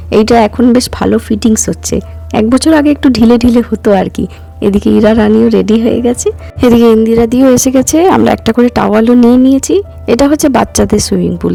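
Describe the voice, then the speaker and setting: A woman in her thirties, hoarse from a cough, chatting casually as a vlogger and walking viewers through each step. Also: fairly high pitch, mellow. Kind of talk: casual vlog narration.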